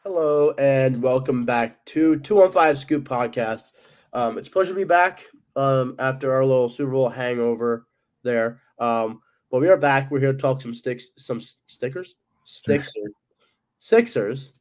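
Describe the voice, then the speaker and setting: A young adult man hosts a casual sports podcast, his mid-range voice stuffy and clogged with a cold and a little mellow. He talks at a measured pace, rambling with plenty of ums and likes.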